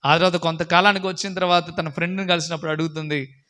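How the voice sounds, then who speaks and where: Preacher guy, high and sharp, keeps hammering questions, sermon. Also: fairly even intonation, fast. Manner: emphatic, repetitive questioning, rising to shouts; acts out characters in a story with changed voices.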